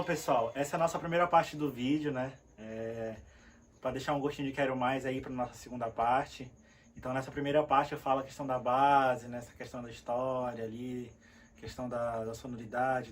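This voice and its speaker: A man teaching a cajón lesson, explaining patiently step by step with restarts and fillers. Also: on the high side. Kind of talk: instructional lesson while playing. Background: cajón drumming.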